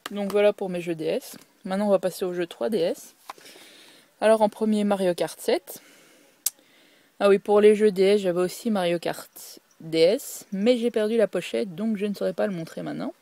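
Woman, casual home presenter, hesitant with lots of fillers, mellow voice, dry sound. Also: on the low side, no room sound. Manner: hesitant, many fillers and restarts. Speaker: video creator showing her game collection.

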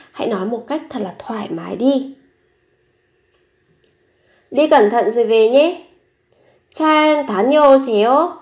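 Brief: woman, language teacher, steady mid-pitched voice, slow patient drill-and-explain delivery. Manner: repeats each phrase slowly, then explains it. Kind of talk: bilingual language lesson.

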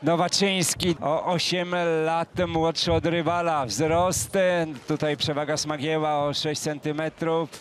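A man giving live boxing commentary in a conversational manner, often pausing with fillers. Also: a little high, flat delivery, slight background noise.

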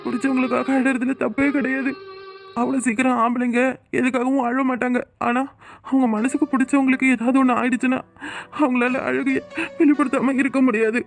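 A woman's voice: sits high, little pitch movement, a little fast. A woman with a Kanyakumari Tamil accent voicing a caring, worried young man in a cartoon, pleading and reproachful.

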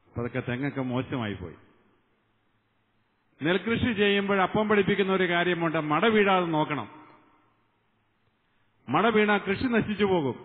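Older man preaching in a long reverb. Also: fairly high pitch. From Kerala, India. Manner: earnest, addresses the crowd directly, hands raised. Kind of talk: sermon to a convention crowd. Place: large convention stage before a big crowd. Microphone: mic on a stand close to the mouth. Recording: tinny narrow sound, long hall reverb.

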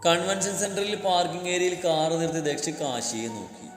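A man narrating a romantic story as a storyteller, in a calm, steady reading. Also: high voice, normal speed. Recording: echoey room with long reverb, faint music.

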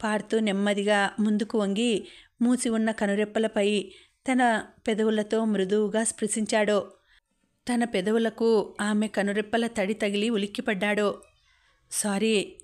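A woman narrating a romance novel for an audiobook in a steady storytelling voice. Her pitch sits in a middle range and stays flat, without much rise or fall. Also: moderate pace.

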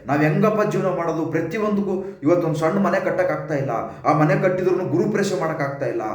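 A man's voice: a little high, a little mellow, reverberant. A man with a Kannada accent hosting his own channel, giving an earnest, repetitive opinion talk straight to camera. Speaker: YouTube channel host.

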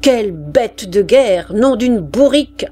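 A woman reading aloud and voicing a gruff male army sergeant, blustering and exclaiming. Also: fairly high pitch, animated, slow pace, mellow, a little hiss or hum.

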